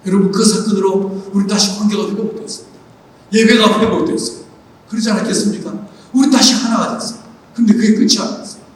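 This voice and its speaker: Male pastor, sermon, very high voice, booming hall echo, heard from a distance. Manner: impassioned preaching, stretching key phrases slowly, soft quoted words of God. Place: large church hall. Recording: roomy echoing hall, voice picked up from far off.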